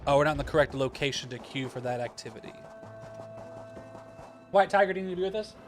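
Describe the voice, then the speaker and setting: A man's voice: fairly high pitch, expressive, fast talker, faint music behind. Chatty male livestream host. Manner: chatty, rambling, answers chat directly. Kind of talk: casual livestream chat.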